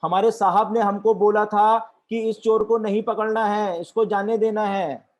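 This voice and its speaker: A man's voice: high-pitched, steady tone, a little slow, voice pushed up. A man voicing flustered constables explaining themselves in a raised voice. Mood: defensive.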